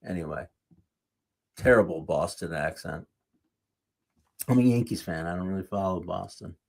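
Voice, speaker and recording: Male speaker, husky and low-pitched, conversational sermon, off-the-cuff with quick self-corrections. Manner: off-the-cuff, corrects himself mid-sentence. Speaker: speaker at a live church series. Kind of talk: conversational sermon with jokey asides.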